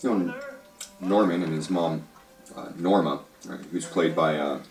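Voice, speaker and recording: A man's voice: deep voice, measured pace. A man co-hosting a casual show, talking in a rambling way full of fillers and hedges. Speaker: co-host. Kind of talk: casual chat reviewing a TV show. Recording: roomy, distant mic.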